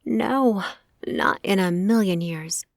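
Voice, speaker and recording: A woman's voice: medium pitch, slow, vocal fry, no echo, clean studio sound. A woman voicing a shaken young vampire heroine in an audiobook, in a tense, disbelieving way.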